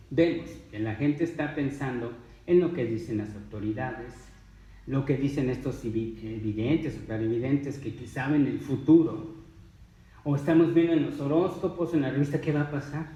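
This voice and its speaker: A man's voice: mid-range voice, normal speed, dark tone, echoey room, distant mic, dull audio. A man preaching a sermon, emphatic and full of rhetorical questions.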